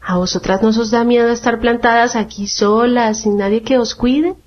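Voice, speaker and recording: A woman's voice: a little high, steady tone, normal speed, natural voice. A woman doing curious young Alice. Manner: polite, curious, mild. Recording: dull lo-fi radio sound.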